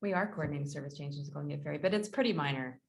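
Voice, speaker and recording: A woman's voice: low voice, very fast, vocal fry. A young adult woman giving a casual transit update on a video call, chatty, with lots of fillers and laughs. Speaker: transit agency staff.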